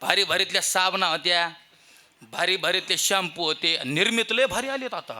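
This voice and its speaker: Kirtan preacher, man, rural Marathi accent, very bright, lively comic storyteller. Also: high voice, moderate pace. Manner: comic storytelling, acting out voices. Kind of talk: humorous devotional sermon. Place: temple festival stage.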